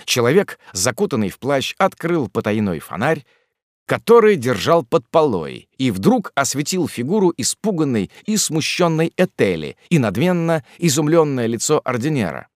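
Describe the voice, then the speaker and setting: A male narrator reads a classic novel with theatrical expression and a lively, wide-ranging pitch. The recording is dry and close-miked, with no room sound. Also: normal speed, dry recording. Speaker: audiobook narrator. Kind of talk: scripted narration.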